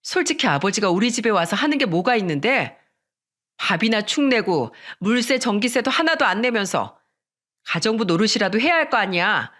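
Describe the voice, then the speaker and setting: A narrator voicing a furious young wife who yells back at her husband, shrill and defiant. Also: sing-song, moderate pace. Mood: angry shouting.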